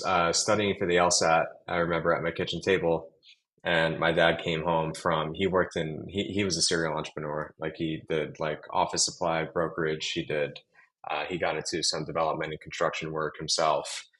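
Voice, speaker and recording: A man's voice: a bass voice, little pitch movement, moderate pace, a bit bright, rough recording. A young man from New York telling his career story in a casual interview, rambling with many fillers and restarts. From Long Island, New York. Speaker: guest, real estate developer.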